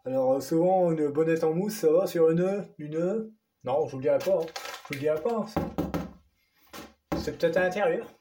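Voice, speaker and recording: A man from northern France with a Ch'ti accent talks casually through an unboxing vlog, so excited that he keeps stumbling over his words. His voice sits a little high, with a mellow, dark tone. He comes across as chatty and eager. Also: moderate pace, pauses often. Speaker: vlogger.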